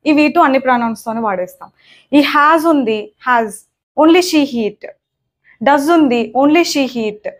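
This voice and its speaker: A young woman teaching grammar in a spoken lesson on her words, repeating points and often checking in with "okay?". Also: high voice. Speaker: English teacher.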